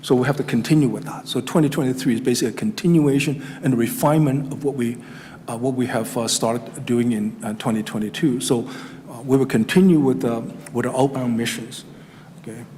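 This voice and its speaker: A middle-aged man with a Chinese accent presents to a town council, halting over his words and filling the gaps with "uh" and "um." His voice sits at a medium pitch and carries a long reverb from the chamber. A faint hum of room noise stays under him throughout. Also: a little mellow. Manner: hesitant, many fillers and restarts. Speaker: regional economic development presenter.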